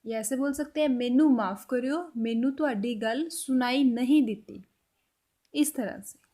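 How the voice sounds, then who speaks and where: High-pitched lady teaching a language lesson, says example phrases slow and careful, goes quiet at the end of each bit. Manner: drops to a quiet close at the end of each point.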